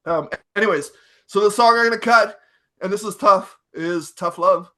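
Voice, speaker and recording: A man's voice: high-pitched, normal speed, pushed and bright. A man co-hosting a podcast in casual chat, rambling and easygoing with many fillers. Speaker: podcast co-host.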